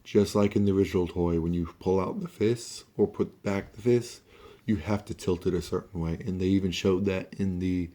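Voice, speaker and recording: Low, flat-toned sick man reviewing toys. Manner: offhand, halting, mildly sweary. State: sick, under-the-weather voice. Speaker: toy reviewer, host. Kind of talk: casual hands-on toy review, talking through steps.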